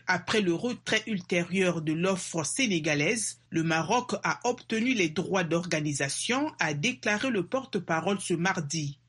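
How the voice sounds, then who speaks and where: A woman presenting the sports segment of a radio news bulletin in a steady, measured delivery. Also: on the low side, breathy edge.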